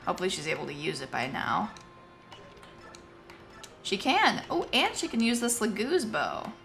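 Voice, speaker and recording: A woman's voice: medium pitch, sing-song, normal speed, creaky, fairly bright tone, soft background music. A woman streamer giving casual, joking gameplay commentary and laughing often.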